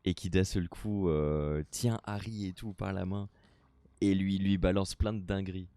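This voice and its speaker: A man's voice: deep voice, steady tone, a little slow, warm tone, dry recording. A man streaming a horror game, chatting casually, talking to the characters on screen and swearing now and then.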